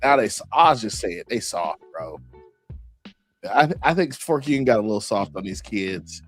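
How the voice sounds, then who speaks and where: A man's voice: fairly low pitch, moderate pace, soft background music. A man hosting a podcast, chatting casually and telling stories full of slang and laughter. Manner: slangy, animated storytelling with frequent laughs. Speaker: podcast host. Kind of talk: casual chat.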